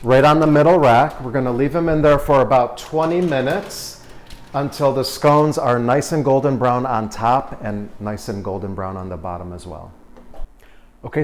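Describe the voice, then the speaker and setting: Man calmly explaining a baking recipe. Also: mid-range voice. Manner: relaxed, step-by-step instructions. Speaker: cooking show co-host. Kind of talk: cooking demonstration.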